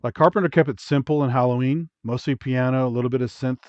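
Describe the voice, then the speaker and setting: A man's voice: medium pitch, steady tone, quick pace, no echo. A man giving casual, critical film commentary as co-host of a watch-along, bluntly saying what he dislikes. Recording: dull lo-fi audio.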